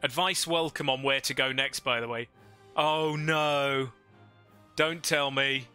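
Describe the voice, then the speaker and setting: A man's voice: medium pitch, steady tone, slow pace, sharp tone, smooth, soft background music. A man livestreaming a strategy game into a headset mic, thinking aloud and chatting with viewers. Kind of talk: casual live gameplay commentary.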